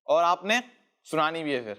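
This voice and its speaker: High-voiced man teaching children patiently. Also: expressive, sharp tone, clean tone. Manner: patient, repeats phrases for call-and-response. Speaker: children's show host. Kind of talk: teaching children religious lessons.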